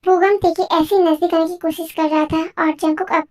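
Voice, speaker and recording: A woman's voice: very high-pitched, fairly even intonation, brisk, darkish tone, low-quality recording. A woman voicing every part of a homemade fan dub drama in a plain conversational way. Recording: faint music behind.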